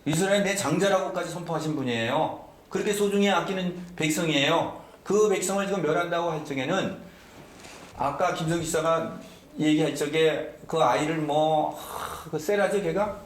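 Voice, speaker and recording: A man's voice: fairly high pitch, moderate pace, roomy sound. A man preaching a sermon as pastor, emphatic and often asking the congregation questions. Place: church sanctuary.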